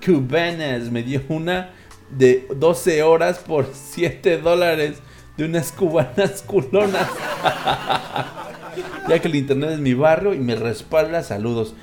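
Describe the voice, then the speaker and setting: This host of an informal online call-in program has a Mexican accent and a fairly high, somewhat mellow voice, and he takes his time. Over faint background music, he chats and reads out listeners' notes using crude, playful slang.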